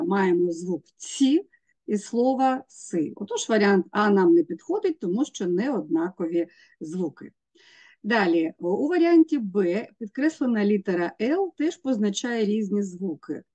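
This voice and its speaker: A woman's voice: medium pitch, mellow, breathy edge. A woman teacher, walking students through exam tasks step by step and sounding out letters. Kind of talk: exam prep lesson.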